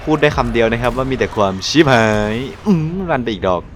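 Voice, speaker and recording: A young man from Thailand giving casual live commentary over his gameplay, excitable and loose, swearing and exclaiming at the action. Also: medium pitch, fast, background noise. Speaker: gaming channel host.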